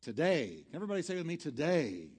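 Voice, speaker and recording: A man's voice: on the high side, lively intonation, measured pace, a little mellow. A man preaching a sermon as a pastor, earnest and exhorting, driving his points home in short, emphatic, repeated phrases. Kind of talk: sermon with altar call. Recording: long hall reverb, music behind.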